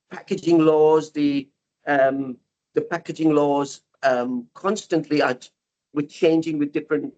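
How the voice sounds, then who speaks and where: A man explaining things in a panel discussion, haltingly, often repeating words as he stresses his points. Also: a little high, a little mellow. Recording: dull, muffled lo-fi sound.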